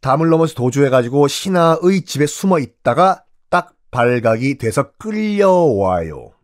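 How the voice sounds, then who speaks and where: Brief: male storyteller for comic history, animated and fairly high voiced. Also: normal speed. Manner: playful, theatrical, asks rhetorical questions. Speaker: history lecturer.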